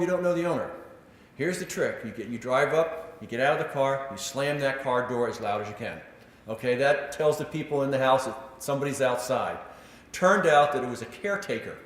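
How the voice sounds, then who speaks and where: A man giving a public history lecture, telling stories with animated delivery and acting out quotes, with frequent filler words. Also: mid-range voice. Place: lecture room. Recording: echoey lecture hall.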